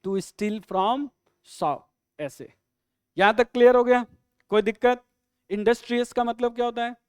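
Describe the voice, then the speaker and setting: Male English tutor, high and crisp, quizzes the class with jokes. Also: dry recording, clean studio sound. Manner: quizzing students with quick questions and jokes. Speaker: English teacher. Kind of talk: live online exam-prep lesson.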